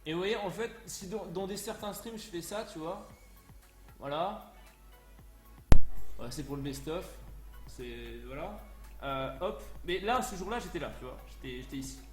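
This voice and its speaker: A man streaming live, telling a story casually in an animated, crude way with lots of fillers. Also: sits high, normal speed, pauses often. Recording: roomy echo, faint music.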